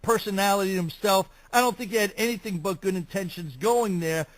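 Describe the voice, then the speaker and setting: A man's voice: high voice, a little fast. A man with a Brooklyn New York accent, hosting a chatty talk show interview.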